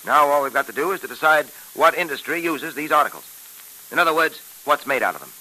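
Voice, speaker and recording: A man playing a calm, clever police detective on an old radio show, explaining things patiently and with self-assurance. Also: on the high side, fast talker, low-quality recording. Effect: old radio show broadcast. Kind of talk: 1940s radio acting.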